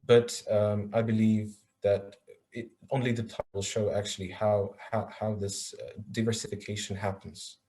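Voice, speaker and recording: A man's voice: fairly low pitch, level tone, moderate pace, dark tone, slight background noise. A man with a Russian accent answering audience questions at an online event, hesitant, with many fillers and restarts.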